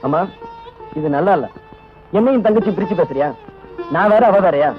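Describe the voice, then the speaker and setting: A man's voice: sits high, expressive, fairly quick. An actor playing a devoted young man who earnestly pleads with his mother about his sister's wedding. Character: devoted young man, eager elder brother. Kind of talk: 1980s film dialogue. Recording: tinny, phone-like old film soundtrack with music behind.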